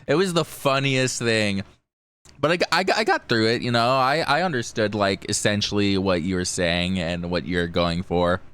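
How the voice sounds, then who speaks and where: Clear-voiced man, rambling casually. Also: on the low side, normal speed, fairly bright tone. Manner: rambling, peppered with "like". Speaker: podcast host and VTuber streamer. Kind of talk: casual chat.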